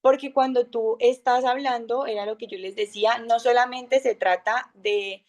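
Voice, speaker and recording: Woman, young adult, loud, high speaking voice, informal lesson, lively examples. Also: normal speed. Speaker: speaker of an online masterclass. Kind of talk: informal talk on communication.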